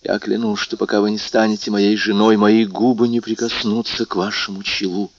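A determined young man in love, earnest and intense, voiced by the reader in a low voice. The lines come urgent and steady. The sound is dull and dry, a studio audiobook. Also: moderate pace, dry recording.

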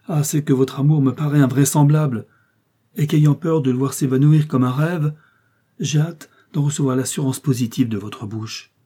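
A man's voice: medium pitch, fairly quick, dark tone, slightly rough, lightly acted. A man voicing an ardent young swordsman in an audiobook reading, with passionate, eager outbursts.

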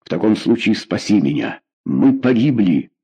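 A tired young king barks short orders, urgent and commanding, as a male narrator voices him. The voice is low, dark and husky, read out as an audiobook character. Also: sing-song, normal speed. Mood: alarmed. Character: young hunted king, weary but commanding.

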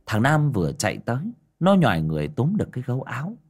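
A man's voice: medium pitch, huge pitch swings, fast. A man narrating a village horror story in a dramatic, ominous way.

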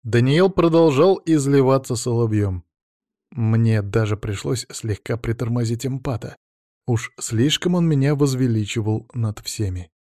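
A man narrating an audiobook in first person, in a steady, matter-of-fact way. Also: medium pitch, unhurried, no echo, studio quality.

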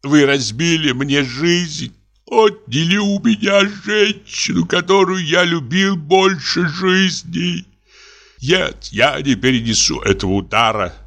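A man's voice: lowish voice, very animated, moderate pace, fairly bright tone, pitched above the performer's own voice. A man voicing a wronged middle-aged husband, a notary who speaks in a formal, wounded, pompous way. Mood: anguished. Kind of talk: audiobook character reading.

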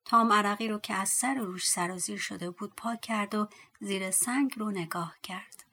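A woman's voice: medium pitch, sharp tone, breathy edge. A woman narrating a fairy tale audiobook expressively, dropping to a whisper at tense moments. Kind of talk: storytelling narration.

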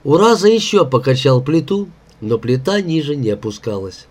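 A man narrating an audiobook in a measured, expressive reading. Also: on the high side. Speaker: audiobook reader.

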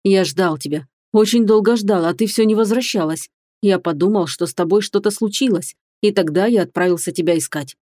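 A woman reading an audiobook, voicing a young man in love, earnest and a little lower than her own voice. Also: brisk, mellow, no echo, clean studio sound, close to an everyday voice. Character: young man, loving, worried fiancé.

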